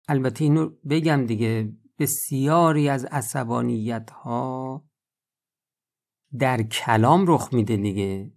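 Gravelly-voiced man giving a moral talk. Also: medium pitch, a little mellow. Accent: Iranian Persian. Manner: conversational teaching, asks rhetorical questions. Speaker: religious podcast speaker. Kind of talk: spoken moral lesson.

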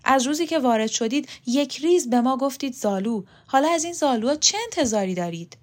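A woman voicing a sharp-tongued, bitter, proud elderly woman in an audiobook, with scornful, biting retorts. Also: on the high side, expressive. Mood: accusing.

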